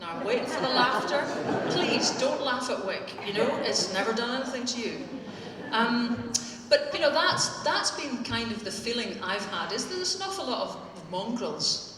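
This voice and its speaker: With lively intonation, a fairly high voice and a moderate pace, a Northern Irish woman speaks wittily and pointedly to a live audience at a political gathering. A crowd is audible behind her, and the theatre hall sounds echoey because she is far from the microphone.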